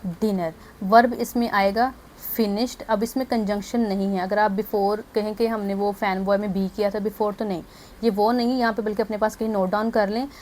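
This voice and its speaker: A woman teacher who talks through the lesson briskly, labelling one word after another. Her voice sits at a middle pitch, and faint noise hangs behind it. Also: fairly even intonation, a little mellow. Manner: brisk and explanatory, labels each word step by step. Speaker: English teacher. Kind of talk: explaining grammar lesson.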